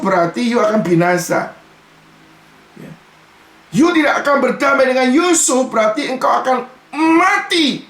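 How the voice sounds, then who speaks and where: A man's voice: high voice, creaky, fairly bright tone. A man preaching a sermon in a conversational way, often turning to the congregation as he talks. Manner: mixes in English "you" and casual Jakarta-style particles. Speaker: pastor. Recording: echoey room.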